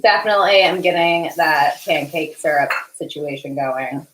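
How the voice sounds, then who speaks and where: A woman's voice: deep voice, normal speed, fairly bright tone. A woman hosting a casual live cooking stream, chatty and giggly, reading viewer questions aloud. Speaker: cooking show host. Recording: roomy kitchen echo, faint noise.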